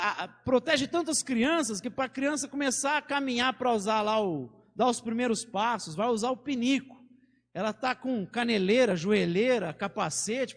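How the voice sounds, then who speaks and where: A man's voice: very high-pitched, fairly bright tone, in a large hall. A man with a Brazilian Portuguese accent preaching a sermon as pastor, talking in a conversational way with stories and casual slang. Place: church sanctuary.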